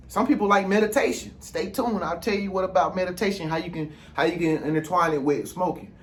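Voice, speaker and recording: An American man talking casually in a rambling solo vlog, using street slang and repeatedly checking that listeners follow him. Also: a little high. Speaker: vlog host giving informal advice.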